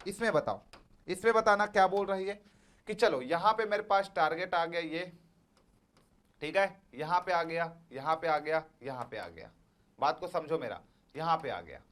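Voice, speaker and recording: A man's voice: sits high, a bit bright. A man teaching an exam-prep lecture, repeating points and coaxing his students with frequent checks that they follow. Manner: repetitive, coaxing, calls students "beta".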